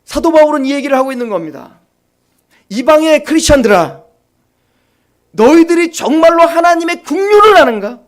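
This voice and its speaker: High-voiced impassioned male preacher. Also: very animated, moderate pace, long pauses. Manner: impassioned preaching, rhetorical questions, sudden drops to quiet asides. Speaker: pastor. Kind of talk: sermon.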